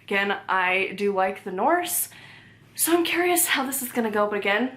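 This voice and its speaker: At normal speed, with a medium pitch, lively intonation, and a bit of brightness, a young woman casually rambles at home about the library books she has. A book vlogger, she peppers her talk with "like," corrects herself often, laughs easily, and chats to her cat in between books.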